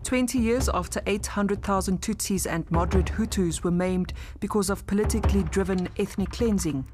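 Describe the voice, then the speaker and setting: Female documentary narrator, formal and measured, music bed behind. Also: medium pitch, darkish tone. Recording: voice-over with music beneath.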